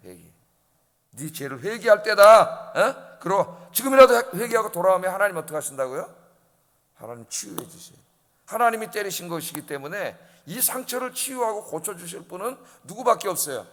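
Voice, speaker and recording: A man's voice: on the high side, a bit bright, long reverb tail. A male pastor preaching an early-morning sermon, emphatic and often asking the congregation questions. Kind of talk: dawn service sermon. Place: church sanctuary.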